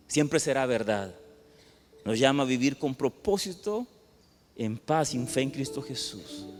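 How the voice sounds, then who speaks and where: A man preaching a sermon to his congregation. He swings between loud outbursts and hushed passages, and he often puts questions to the listeners. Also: medium pitch. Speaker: pastor. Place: church hall. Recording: echoey church hall with faint music.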